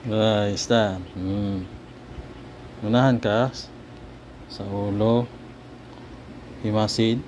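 A man, talking slowly and coaxingly in sing-song baby talk to his pet dogs. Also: on the low side, steady tone, a little mellow, slight background noise, low-quality recording. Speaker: vlogger. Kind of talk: casual chat to pet dogs.

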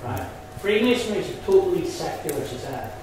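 A man's voice: high voice, very animated, fast, darkish tone. A man with a Belfast accent, casually and bluntly explaining things to visitors as a Freemason guide. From Northern Ireland. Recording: echoey hall from far off, with background noise.

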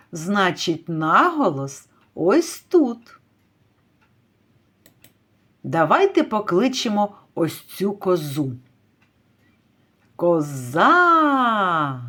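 Very slow, lively kindergarten teacher woman. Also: medium pitch, husky. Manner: slow, drawn-out, stretching stressed vowels to call out words. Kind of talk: early literacy lesson for young children.

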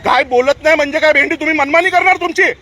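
A man's voice: extremely high pitch, fast, pushed and bright. A man angrily confronting municipal workers outdoors, scolding and demanding answers while streaming live on his phone. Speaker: citizen confronting municipal staff. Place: outdoors on a busy street. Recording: street traffic noise behind.

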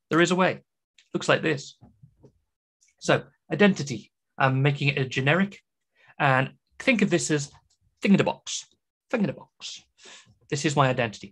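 A man's voice: a little high, a bit bright. Chatty British man giving a tech talk. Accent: British English. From Britain. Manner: chatty, enthusiastic, self-deprecating asides. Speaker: conference speaker. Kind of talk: technical conference talk.

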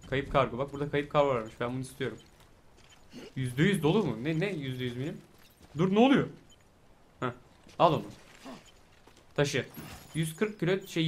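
A man giving casual let's play commentary, chatty, talking to the game and breaking into excited exclamations. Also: fairly high pitch, slight background noise. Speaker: gaming YouTuber. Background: soft game music.

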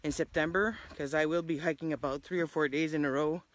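Her voice sitting low and fairly quick, with fairly even intonation, a middle-aged hiking vlogger rambles casually on a nature trail. She uses plenty of fillers while recording on a phone held at arm's length outdoors.

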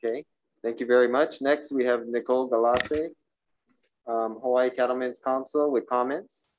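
A man in his forties chairs a public legislative hearing, speaking into a desk microphone on a stand in a hearing room. His voice is medium-pitched and steady at a moderate pace as he reads the rules and calls testifiers, tossing in informal asides and stumbling over names. The recording quality is low.

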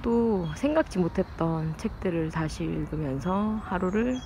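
A woman vlogger chatting casually to her viewers, musing in short phrases with frequent pauses, recorded outdoors on a phone. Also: fairly low pitch, lively intonation, dark tone. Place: outdoors under trees. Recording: noisy outdoor ambience, passing traffic.

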